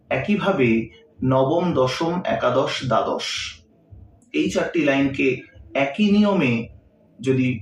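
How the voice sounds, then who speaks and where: A man teaching a literature lesson, explaining in short, measured phrases and mixing in English terms. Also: on the high side. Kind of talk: literature lecture. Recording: roomy echo, mic set far off.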